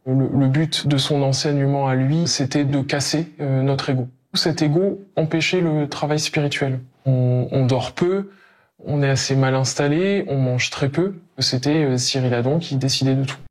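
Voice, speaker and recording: A man's voice: mid-range voice, steady tone, moderate pace. A man giving interview testimony as a former follower, hesitant and full of fillers.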